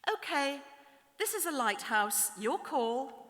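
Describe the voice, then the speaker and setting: Woman doing a deadpan, laconic lighthouse keeper. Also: sits high, slow, slight background noise, voice pushed up, exaggerated voice. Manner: dry, laconic replies. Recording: long hall reverb.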